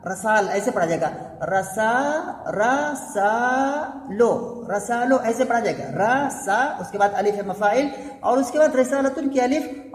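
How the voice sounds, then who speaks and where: A man teaching a blackboard grammar lesson, patiently repeating each step and asking rhetorical questions as he goes. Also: high voice. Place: classroom with a blackboard. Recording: echoey room with long reverb.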